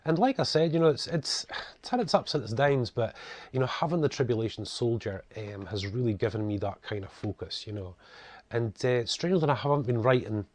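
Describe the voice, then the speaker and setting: A middle-aged author from Scotland's northeast coast gives a chatty, casual introduction to camera for his own videos, his broad accent slightly toned down and full of "you guys" and "you know." His medium-pitched voice is expressive and a little fast. There's no room sound.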